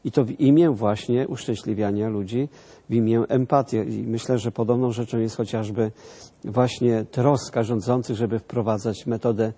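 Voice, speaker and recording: A man with a dark, husky voice joins the discussion. He speaks hesitantly, pausing often on fillers as he builds his point. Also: mid-range voice, fairly even intonation.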